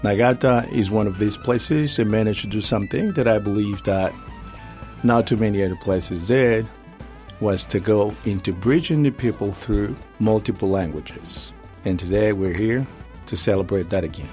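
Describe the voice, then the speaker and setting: A middle-aged man from the Democratic Republic of the Congo, whose first languages are French and Swahili, speaks as an interview guest. He is reflective and hesitant, searching for words, in a fairly low, slightly mellow voice at a moderate pace, with faint music in the background.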